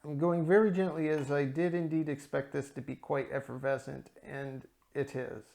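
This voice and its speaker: A man with a somewhat high voice walks viewers through a beer review in a relaxed, casual way. He explains things carefully and spells out pronunciations, and his talk is full of ums and uhs. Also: moderate pace, gravelly.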